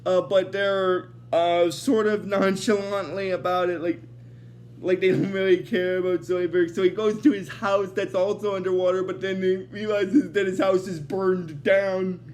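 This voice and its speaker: A man with a notably high voice talks through an episode recap in a loose, unscripted way. He rambles, restarts his sentences and keeps reaching for "basically." A faint hiss sits under his voice. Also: little pitch movement, moderate pace, darkish tone. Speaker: host of an episode recap series.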